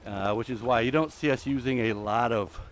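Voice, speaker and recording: A middle-aged man hosts a live gameplay stream while walking on a treadmill, so he sounds out of breath. He rambles in a chatty way and talks back to the creatures in the game. His voice sits at an ordinary middle pitch for a man. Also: a little fast, slight background noise. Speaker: host.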